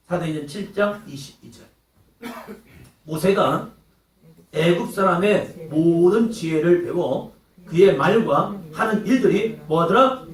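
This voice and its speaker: A man preaching a sermon in a church, dramatic, swinging between loud outbursts and hushed lines and acting out quoted voices. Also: a little high. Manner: acts out taunting quotes in character. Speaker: pastor. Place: church hall. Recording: echoey hall, mic at a distance.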